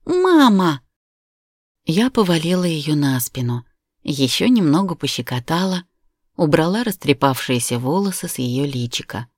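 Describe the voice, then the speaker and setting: A woman reads a first-person story aloud with measured, steady pacing. Her voice sits low, and the recording is close and dry. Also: no echo. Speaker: audiobook narrator. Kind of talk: scripted narration.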